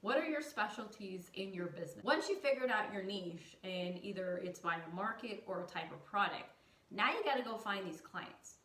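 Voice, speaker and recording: A woman's voice: medium pitch, animated, normal speed, a bit bright, distant mic. A woman who teaches design, talking to viewers in a chatty, emphatic way with self-mocking humor. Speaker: design educator. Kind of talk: casual teaching monologue. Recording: roomy echo, voice off-mic.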